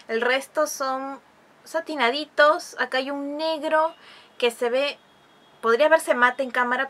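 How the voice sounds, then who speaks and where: A woman's voice: sits high, a bit bright. Chatty woman reviewing makeup. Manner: chatty, explanatory, uses many diminutives. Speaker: beauty vlogger.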